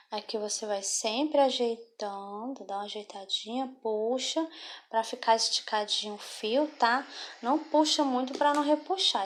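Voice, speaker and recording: A woman whose voice sits slightly high walks the viewer through a craft one step at a time. She's patient and checks in with the viewer throughout.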